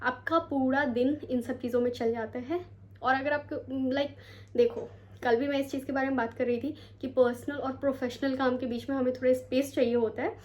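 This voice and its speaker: A young woman vlogger from India chats to her camera in her home bedroom, rambling, dropping in English words, and feeling tired and sore from a long day. Her voice is high-pitched and a little mellow, fairly quick, with fairly even intonation.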